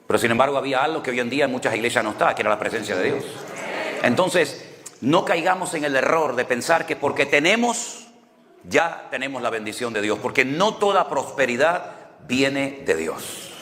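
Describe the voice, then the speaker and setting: Man, Canarian accent, pastor, conversational sermon, rhetorical questions, middle pitch, reverberant hall. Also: animated, normal speed, fairly bright tone. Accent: Canarian Spanish. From Canary Islands.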